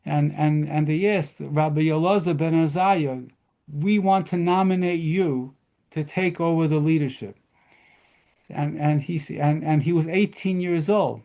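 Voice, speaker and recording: A rabbi telling lively stories at a model seder lesson, mixing in Hebrew terms. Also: male voice, on the high side, unhurried.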